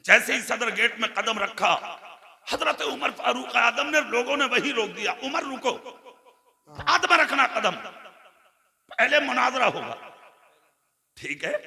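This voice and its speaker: A man giving a religious sermon, shouting at the peaks and dropping low for the storytelling. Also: creaky. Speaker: preacher. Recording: echoey hall with crowd.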